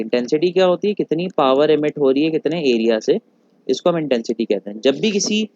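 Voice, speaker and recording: A man teaches physics in a somewhat high voice, posing questions and answering them himself. He drawls over technical terms and addresses his students affectionately as "beta". The recording is dull and lo-fi, with a dry, close sound. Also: darkish tone, no room sound. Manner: calls students "beta", slows on English terms. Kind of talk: recorded classroom lecture.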